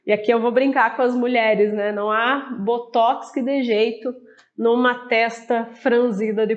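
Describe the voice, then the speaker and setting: A woman with a Brazilian Portuguese accent explaining a book in a casual, conversational way, talking straight to the viewer. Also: fairly high pitch. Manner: conversational, addresses viewer directly with fillers. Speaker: book presenter.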